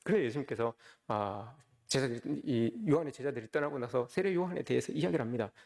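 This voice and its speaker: Fast, animated male pastor preaching. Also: medium pitch, gravelly. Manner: often addresses the congregation directly with rhetorical questions. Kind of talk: sermon. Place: church service.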